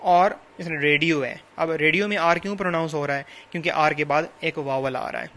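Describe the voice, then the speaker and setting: A man's voice: fairly high pitch, steady tone, fairly quick, fairly bright tone. A man lecturing on a novel, patiently explaining English words by listing translations and synonyms, repeating and rephrasing each point. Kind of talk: recorded classroom lecture.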